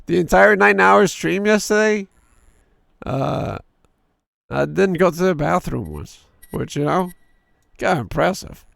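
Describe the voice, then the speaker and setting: Reading a game's story text on stream, this thirtysomething man sinks into a deep storyteller voice. He talks slowly, his pitch swinging lively, while a sore, hoarse throat gives him a gravelly edge. The recording is close-miked and dry.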